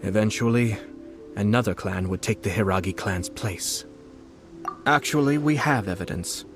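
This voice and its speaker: Man acting, low voice, calm young aristocrat, formal, deliberate, calculating, video game dialogue, background music. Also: natural voice. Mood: composed, analytical. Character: calm, calculating young nobleman commissioner, measured and courtly.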